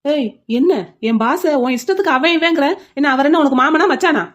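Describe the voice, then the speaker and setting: A blunt, scornful cartoon policeman, played by a woman fires off mocking threats at speed. The voice sits a touch high for a tough guy. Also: brisk, close to an everyday voice. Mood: threatening. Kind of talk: cartoon voice acting.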